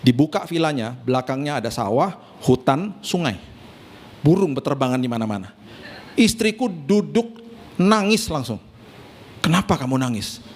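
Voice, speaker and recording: Male preacher, storytelling sermon, slightly high voice, lively dialogue. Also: normal speed. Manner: animated storyteller acting out dialogue. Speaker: pastor. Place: church auditorium.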